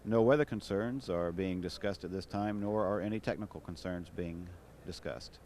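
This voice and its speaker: American man, live countdown announcer. Deep register, measured official delivery, faint noise behind. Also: darkish tone. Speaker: launch commentator. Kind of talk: live launch commentary. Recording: noisy broadcast with background ambience.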